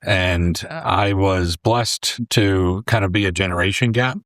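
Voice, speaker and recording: In a casual interview, a New Yorker in his forties who owns a deli and once taught English tells his story in a relaxed, rambling way. His voice is low and slow, recorded on a close podcast mic with no room sound.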